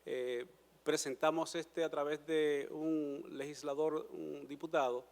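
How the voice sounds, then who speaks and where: A lawyer in his sixties with a Dominican accent, giving a formal presentation to a panel in a measured way, pausing often with fillers. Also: on the high side, fairly even intonation, creaky. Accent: Dominican Spanish. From Dominican Republic. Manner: measured, hesitant with frequent fillers and restarts. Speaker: lawyer applying before a judicial council. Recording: hall reverb.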